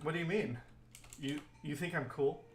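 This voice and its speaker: Over soft background music, a game streamer whose first language is Farsi chats casually with viewers, calling them by name while he plays. His voice is a little high and his speed normal.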